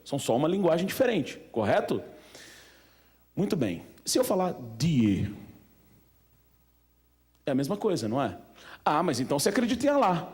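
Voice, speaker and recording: A man with a Brazilian Portuguese accent gives a casual talk at a museum event, his voice slightly high with a darkish tone. He keeps things chatty, throws plenty of questions at the audience, and fills his speech with lots of fillers.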